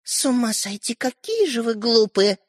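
A scornful, bossy girl, the older sister, pitched high and swinging widely as she mocks and scolds, voiced by a woman reading a storybook. The sound is close and dry. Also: very animated, normal speed, breathy edge, no echo. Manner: mocking, scolding. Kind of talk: audiobook character reading.

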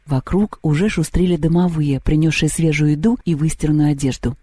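A man narrating a storybook in an even, measured way. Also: fairly high pitch, slightly rough, no room sound. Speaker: audiobook narrator.

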